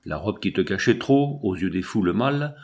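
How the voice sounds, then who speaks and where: A man's voice: lowish voice, expressive, moderate pace, a little mellow. A man reading the part of an anguished woman who laments aging and death, in a mournful, impassioned recitation.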